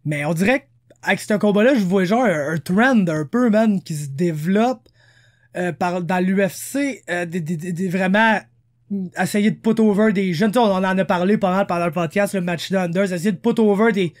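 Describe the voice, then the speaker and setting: A man with a Quebec French accent co-hosting a casual podcast, slangy and animated, dropping English words into his talk. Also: sits high, normal speed. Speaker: podcast co-host.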